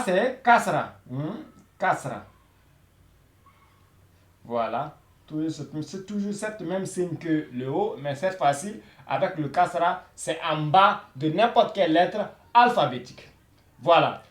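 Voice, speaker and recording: A man teaching beginners Arabic in a slow, patient lesson, repeating himself and saying "voilà" often. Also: on the high side, echoey room.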